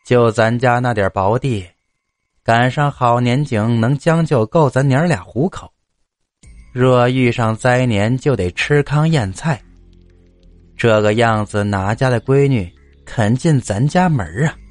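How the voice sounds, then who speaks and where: A man voicing a doting, worried widowed mother near seventy who talks slowly and coaxingly in a told story. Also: medium pitch, dry recording, soft background music, close to an everyday voice. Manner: slow, pleading, coaxing.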